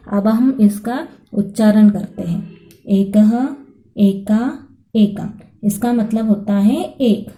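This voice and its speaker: A woman's voice: mid-range voice, dark tone, reverberant. A woman teacher giving a patient Sanskrit lesson to students, explaining step by step and often checking that they follow.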